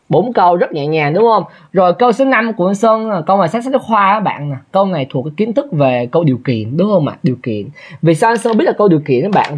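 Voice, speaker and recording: A man teaches an exam review in a chatty way, often checking that listeners follow. His pitch swings widely and his voice sounds husky. The recording is dull and lo-fi. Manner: chatty, keeps asking listeners to confirm. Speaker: English teacher.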